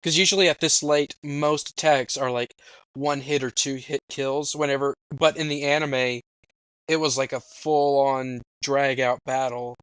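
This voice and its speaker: A man's voice: medium pitch, fairly even intonation, a little slow, a bit bright, clear, resonant tone, no room sound, rough recording. A man chatting casually about a fanfiction reading, asking questions and trailing off. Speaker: co-reader commenting. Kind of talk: casual chat.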